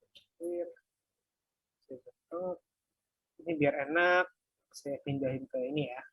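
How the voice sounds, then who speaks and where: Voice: mid-range voice, slow pace, slightly rough, no room sound, lo-fi sound. A workshop instructor casually talking through a live coding example, thinking aloud while typing and muttering asides. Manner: casual, light laughs at own mistakes.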